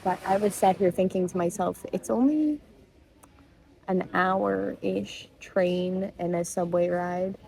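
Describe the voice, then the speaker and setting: A young travel vlogger from Labrador, Canada, a native English speaker, chats casually, rambling and poking fun at herself while hot and tired. Her lowish voice is slow, creaky, and warm, and the rough recording carries a little hiss or hum.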